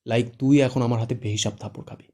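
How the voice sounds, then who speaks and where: A man voicing a stern, possessive young man who answers gravely in curt, deadpan lines, read as audiobook dialogue. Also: mid-range voice, quick pace, lightly acted.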